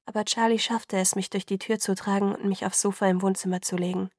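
A woman reads a story aloud in a quiet, subdued voice that often sinks into a whisper. Her pitch sits in an ordinary middle range, and the sound is dry and close to the mic. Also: flat delivery, fast, no room sound. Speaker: audiobook narrator. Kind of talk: scripted narration.

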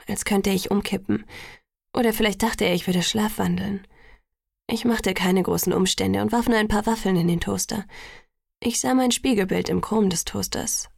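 A woman reading a novel in the first person in a soft, intimate way, sometimes dropping to a whisper. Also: medium pitch, gravelly, no echo, studio quality. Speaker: audiobook narrator.

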